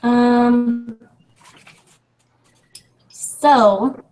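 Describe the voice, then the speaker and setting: A woman's voice: fairly high pitch, steady tone, extremely slow, dark tone. Hesitant teen girl on a glitchy call. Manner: hesitant, lots of fillers. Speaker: discussion leader. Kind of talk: casual video-call book discussion. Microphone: laptop on a video call. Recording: noisy, glitchy video-call audio.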